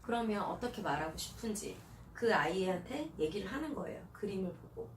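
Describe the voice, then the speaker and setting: A woman counselor giving parents advice, animated and acting out what she would say to a child. Her voice rises and falls a lot. The sound is roomy and picked up from a little way off the mic, with a faint hiss underneath. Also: medium pitch, brisk, far from the mic. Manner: animated, acts out questions to a child.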